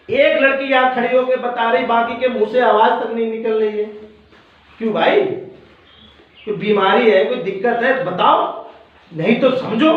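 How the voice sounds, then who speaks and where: A male science teacher in a classroom, quizzing and scolding pupils, repeating his questions. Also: very high voice. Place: school classroom. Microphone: far from the mic. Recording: echoey classroom, far off, dull.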